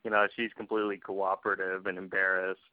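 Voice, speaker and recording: Man, podcast host, casual chat, laughs often, animated retelling, dull lo-fi sound. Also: low voice, fast talker, dry recording.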